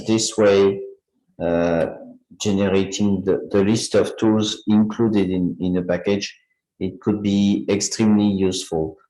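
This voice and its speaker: A man in a video meeting, asking a question in a halting way with many fillers and restarts while he is losing his voice. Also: on the low side, darkish tone, reverberant, low-quality recording. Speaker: meeting participant.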